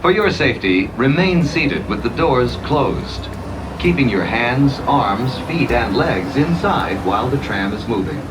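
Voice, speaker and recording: A man giving a slow, upbeat recorded welcome and safety announcement over an outdoor tram loudspeaker. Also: mid-range voice, expressive. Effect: outdoor loudspeaker on a moving tram. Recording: distant tram speaker over loud traffic noise.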